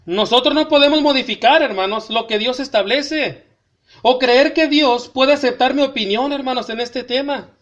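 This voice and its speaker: Man, pastor, very high pitch, emphatic sermon, scripture reading with commentary. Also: a bit bright, dull audio. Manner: repeatedly addresses the congregation as brothers, emphatic; reads scripture aloud slowly with commentary. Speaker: preacher.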